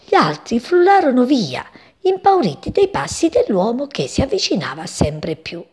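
A woman reading a children's story aloud in an expressive storytelling manner. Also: a little high, normal speed, slightly rough.

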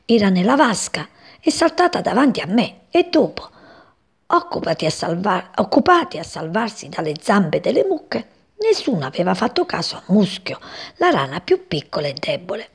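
A woman reading a children's story aloud, expressive and voicing the characters. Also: medium pitch, normal speed, slightly rough.

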